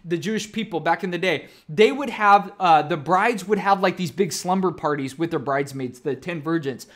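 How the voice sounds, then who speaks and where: A man's voice: fairly high pitch, moderate pace, fairly bright tone. A male pastor in his thirties giving a casual livestream sermon, chatty and often asking the audience questions. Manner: conversational, asks the audience questions.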